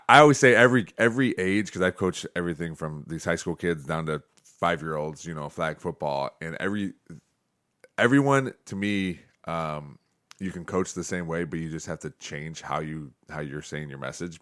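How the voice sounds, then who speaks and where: A man's voice: very deep voice, fairly bright tone, no echo, clean studio sound. A man with an American accent, a football and track coach, chatting casually on a podcast and laughing often.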